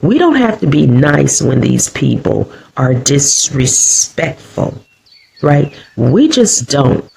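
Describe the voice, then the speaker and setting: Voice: mid-range voice, very animated, slow, creaky, a little mellow, breathy edge, low-quality recording. An American vlogger giving combative opinion commentary, often repeating phrases for emphasis.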